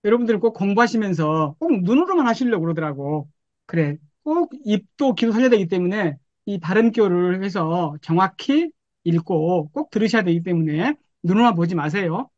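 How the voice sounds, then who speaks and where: A professor with a high, expressive voice teaches an online lecture over a video call at a moderate pace. He's chatty and often acts out the prompts he types to an AI. The audio is dull and dry, with no room sound.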